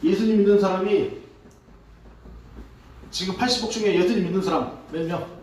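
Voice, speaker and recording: A man's voice: sits high, moderate pace, a little mellow. Man, pastor, casual question-and-answer sermon, very echoey hall, distant mic. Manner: conversational, quizzes the congregation. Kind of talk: interactive sermon. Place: church sanctuary.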